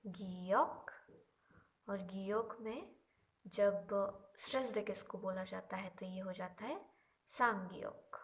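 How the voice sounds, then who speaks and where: A woman with a mid-range voice teaches a Korean lesson explained in Hindi. She goes through each example slowly and patiently, drawing out her repetitions.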